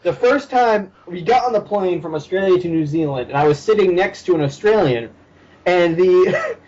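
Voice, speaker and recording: A young man with a high, bouncing voice tells stories in a casual podcast chat and laughs often. The sound is a bit muffled, with faint hiss behind him. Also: normal speed. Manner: animated storyteller, laughs often.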